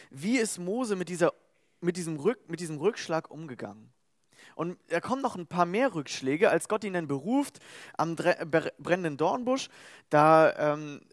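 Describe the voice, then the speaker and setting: A man preaching a casual sermon, retelling a Bible story in lively, colloquial words and briefly acting out the quoted voices. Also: high voice, dry recording, clean studio sound.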